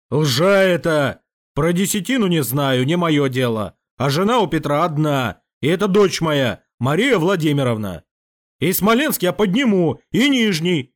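A man voicing an agitated elderly prince who shouts in a cracking voice, in an audiobook. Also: medium pitch, close to an everyday voice. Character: agitated elderly Russian prince, old friend. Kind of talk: audiobook character voice.

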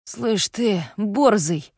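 A woman doing a hoarse, injured man. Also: medium pitch, drawn-out words, a little mellow, no room sound, clean studio sound. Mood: defiant. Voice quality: hoarse, wheezing. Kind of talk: audiobook character reading.

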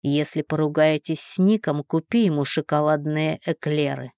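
A friendly, chatty young man who drops his voice to share secrets, voiced by a woman reading an audiobook. The tone is warm and a little lower than her own. The close, dry recording keeps every word intimate. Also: moderate pace, no room sound, natural voice. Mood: confiding. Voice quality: hushed, confiding. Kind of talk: audiobook character voicing.

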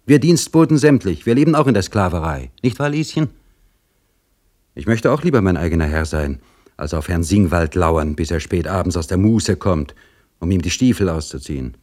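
A man reading a story, voicing a bitter, sly male livery servant who grumbles loudly and mocks. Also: low-pitched, animated, moderate pace. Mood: mocking. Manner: loud, complaining and mocking.

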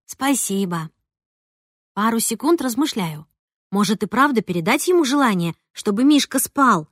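A woman narrating a first-person audiobook in a lively, conversational way. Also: on the high side, normal speed, breathy edge, dry recording, clean studio sound. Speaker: audiobook reader.

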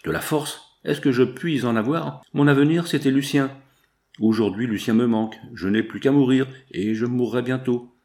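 A man's voice: medium pitch, moderate pace, a little mellow, natural voice. A man voicing a heartbroken, desperate young woman in a spoken novel, pleading and tearful. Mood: despairing.

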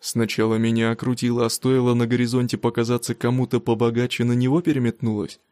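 A man reading an audiobook, voicing a jealous, bitter young husband who shouts accusations. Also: mid-range voice, little pitch movement, no echo, natural voice. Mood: furious. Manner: loud and accusing, slow emphatic delivery.

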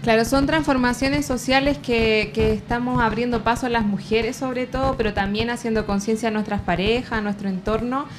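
Mujer chilena, anfitriona reflexiva. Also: female voice, a little high, steady tone, noisy background. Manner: reflective, measured, many fillers. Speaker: host. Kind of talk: casual radio chat. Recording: faint background ambience.

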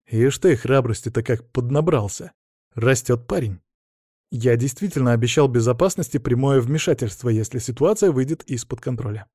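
A man's voice: mid-range voice, moderate pace, dark tone, breathy edge, no echo. A man narrating a first-person fantasy audiobook in a wry, ironic manner, read close to the mic.

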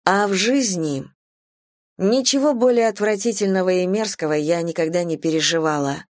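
A woman narrating a first-person short story aloud with an expressive, lively delivery. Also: lowish voice, normal speed, no echo, clean studio sound. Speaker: audiobook reader.

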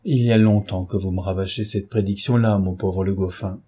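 A man's voice: sits low, steady tone, a little fast, warm tone, breathy edge. A man voicing a sarcastic, scolding middle-aged housekeeper in an audiobook reading. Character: sharp-tongued middle-aged woman housekeeper.

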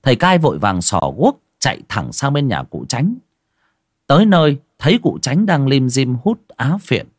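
A man narrating a ghost story theatrically, dropping to a hush and rising sharply. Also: medium pitch, very animated, moderate pace, dry recording, studio quality. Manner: theatrical, swings from hushed to loud.

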